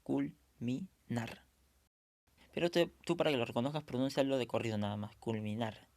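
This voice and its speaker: A man's voice: medium pitch, animated, darkish tone, dry recording. A man teaching a language class online, patiently repeating and sounding out words for students. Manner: patient, repeats words slowly to model pronunciation.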